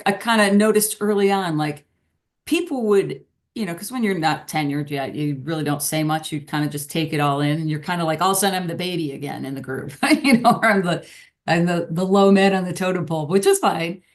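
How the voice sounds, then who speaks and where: A middle-aged woman with a slightly low voice talks through her career in a loose, rambling interview style. She laughs often and restarts her thoughts as she goes. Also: a little fast. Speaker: guest, business professor. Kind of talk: casual interview conversation.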